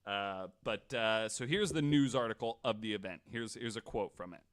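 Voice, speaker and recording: A man with a fairly low voice talks at a normal speed, hosting a podcast in a casual storytelling style. He's irreverent and sweary, often stammering and repeating words, and sometimes reads quotes aloud.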